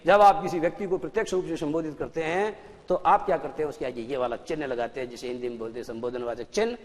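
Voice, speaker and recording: Male teacher, Indian English accent, slightly high voice, slow dictation, long hall reverb. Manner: slow dictation, repeating words for children to write. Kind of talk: televised classroom lecture. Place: classroom studio.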